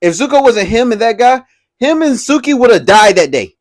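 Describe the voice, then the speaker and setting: A young man hosting a casual commentary video, animated and slangy, laughing often as he talks. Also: extremely high pitch, normal speed, dry recording. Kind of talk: casual pop-culture commentary.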